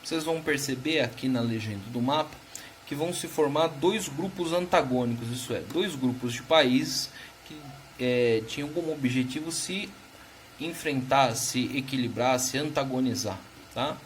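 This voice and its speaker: A man's voice: medium pitch, moderate pace, a little hiss or hum. A Brazilian man teaching a recorded history lesson, explaining patiently and often checking in with his students. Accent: Brazilian Portuguese.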